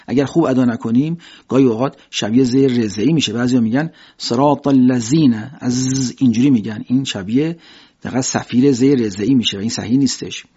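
Man, husky voice, recitation teacher, careful step-by-step demonstrations, dull lo-fi recording. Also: mid-range voice, dark tone. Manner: explains step by step, then slowly demonstrates each sound. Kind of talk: pronunciation lesson.

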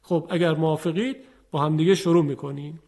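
A man with a fairly high voice teaches Quranic pronunciation. He speaks in a polite, formal way to his viewers. He slows right down to stretch out each letter he demonstrates. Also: fairly even intonation, darkish tone. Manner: slow, drawn-out demonstration of letters.

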